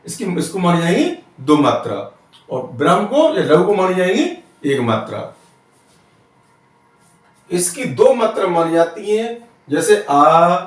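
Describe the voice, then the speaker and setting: A man's voice: sits high, very echoey, recorded from a distance. A man teaching Hindi grammar in a classroom style, explaining step by step and often asking the students questions.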